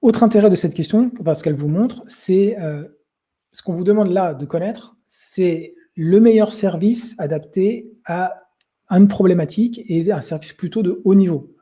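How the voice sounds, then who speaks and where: A man's voice: high-pitched, moderate pace, dark tone, slightly rough. A young man giving a conversational webinar talk, hesitating often with filler sounds. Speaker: webinar presenter.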